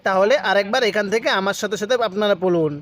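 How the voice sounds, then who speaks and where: High-voiced man teaching Quran reading. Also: a bit bright. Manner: patient, spells out letters and syllables slowly. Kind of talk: step-by-step recitation lesson.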